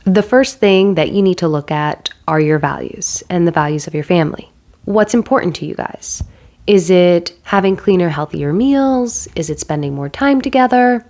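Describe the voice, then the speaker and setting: Nasal mom with a cold. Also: female voice, on the low side, normal speed, darkish tone. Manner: chatty, self-deprecating, rambling asides. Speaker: stay-at-home mom and homemaking vlogger. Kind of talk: casual chatty vlog. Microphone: handheld microphone.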